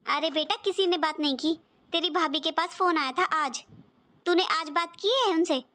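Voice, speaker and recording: A very high, thin-voiced cartoon mother who lectures her grown daughter patiently but firmly. She sounds worried and earnest throughout. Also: normal speed, sharp tone. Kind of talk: cartoon voice acting.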